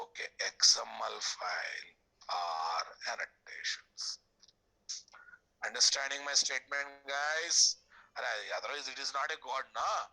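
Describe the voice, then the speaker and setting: A man's voice: medium pitch, gravelly, sharp tone, breathy edge, poor audio. A middle-aged man with a Telugu Indian accent giving an online programming lecture, repeating phrases and checking in with questions. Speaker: programming instructor. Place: indoor room, screen-share video class.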